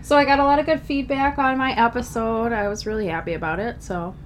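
A woman's voice: on the high side, steady tone, fast talker, a little hiss or hum. A woman co-hosting a podcast in casual chat, her voice nasal from a cold, with a laid-back, wry manner. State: has a cold. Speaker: podcast co-host.

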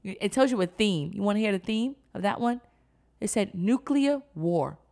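Fairly quick and gravelly, this mid-range female voice belongs to a podcast co-host in slangy, casual conversation. Her storytelling is animated and emphatic, full of acted-out quotes from other people.

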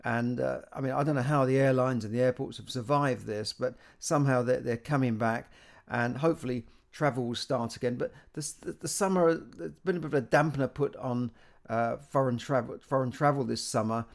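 A man's voice: medium pitch, steady tone, brisk, creaky. A British man talking casually about current economic news, stumbling through frequent restarts and repeated words. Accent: British English. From Britain.

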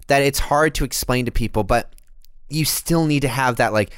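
A man's voice: medium pitch, normal speed, a bit bright, smooth, dry recording. A man co-hosting a podcast, chatting about a movie in a reflective, emotional way with dry asides. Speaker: podcast co-host. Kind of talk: casual movie discussion.

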